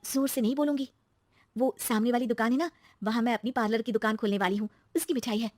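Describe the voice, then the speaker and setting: A woman voicing a cheerful, chatty young wife in a cartoon story, talking in an excited way. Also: fairly high pitch, fast, no room sound, clean studio sound, close to an everyday voice. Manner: excited, talkative.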